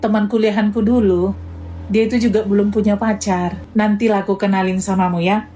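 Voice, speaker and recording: A woman's voice: mid-range voice, little pitch movement, brisk, mellow, slight background noise, close to an everyday voice. A woman playing a helpful, easygoing young female friend. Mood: friendly.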